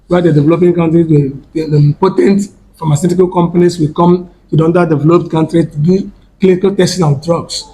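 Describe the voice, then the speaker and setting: A man with a Nigerian accent speaks in a formal academic register, his voice sitting a little high for a man. He poses rhetorical questions, often stops and restarts words, and a faint hiss of noise runs under the recording. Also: dark tone, poor audio. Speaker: academic roundtable anchor.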